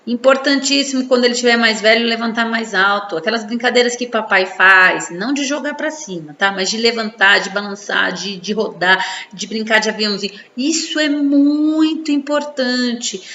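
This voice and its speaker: A woman's voice: fairly high pitch, normal speed, hardly any pauses, pushed and bright. A woman with a Brazilian Portuguese accent gives an informal talk on infant development. She keeps checking in with her listeners through tag questions. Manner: explanatory, with frequent tag questions. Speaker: psychology presenter. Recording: echoey room, dull sound, faint noise.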